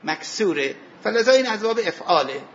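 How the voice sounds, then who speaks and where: A man teaching a seminary class on Arabic grammar and scripture, asking his students questions, answering them himself, and reciting verses slowly. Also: high voice, sing-song, a bit bright, dull audio, slight background noise. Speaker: religious studies teacher.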